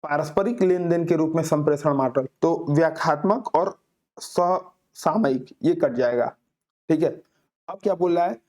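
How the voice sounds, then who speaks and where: Male tutor, mellow voice. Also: fairly high pitch. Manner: reads English questions out very slowly, then explains with everyday examples. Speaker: exam coaching teacher. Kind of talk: Hindi lecture solving exam questions.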